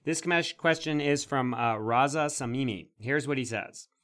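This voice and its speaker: A man's voice: medium pitch, fairly bright tone. Man co-hosting a legal podcast, wryly sarcastic. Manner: wry, sarcastic asides; measured explanatory legal talk. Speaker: podcast co-host. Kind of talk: casual legal podcast discussion.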